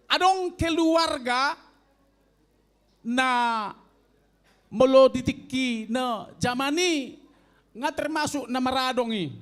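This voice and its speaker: An older man in his sixties with a Toba Batak accent, his voice sitting very high for a man. He tells a comic tale at an unhurried, drawn-out pace, addressing his listeners as elders. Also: a bit bright. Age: 60s. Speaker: elderly stand-up contestant. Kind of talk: stand-up comedy storytelling.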